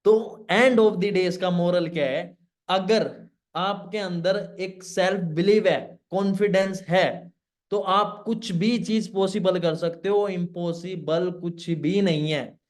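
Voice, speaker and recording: An energetic man mentors young people in an online session. He tells a fable and keeps quizzing his listeners, dropping English words into his talk. His voice sits fairly high for a man. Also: slow pace. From Pakistan. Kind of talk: motivational storytelling session.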